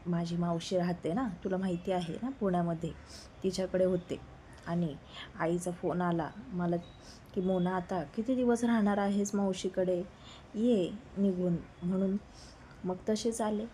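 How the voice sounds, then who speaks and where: A woman's voice: lowish voice, steady tone, unhurried, mellow, a little hiss or hum, lightly acted. Woman voicing a chatty, eager young woman.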